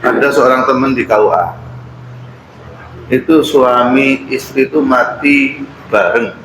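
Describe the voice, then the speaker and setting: A man's voice: medium pitch, unhurried, noisy background. A middle-aged man with an East Javanese accent preaching at a mosque study circle, telling stories casually with Javanese asides. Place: mosque hall. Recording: roomy hall, faint ambience.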